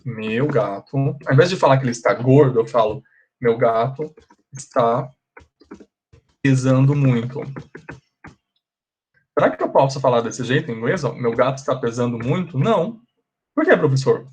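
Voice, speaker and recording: A man with a Brazilian Portuguese accent teaching English grammar, asking and answering his own questions and drilling example sentences slowly. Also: medium pitch, expressive, a little mellow, slightly rough. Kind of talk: bilingual grammar lesson.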